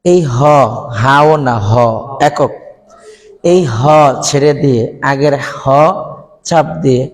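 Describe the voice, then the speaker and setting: A man's voice: medium pitch, takes it slowly. A man teaching a Quran recitation training lesson, explaining sounds step by step and putting questions to his listeners. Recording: hall with long reverb.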